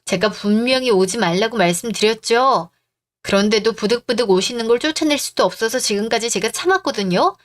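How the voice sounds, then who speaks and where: Woman reading a radio drama, firm and calm, a bit high voice. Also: brisk.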